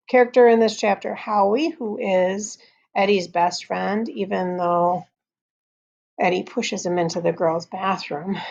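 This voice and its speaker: A woman teacher reading a chapter book aloud, pausing to comment on the characters. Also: mid-range voice, a little mellow, lo-fi sound. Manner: slow, pauses to comment on the story.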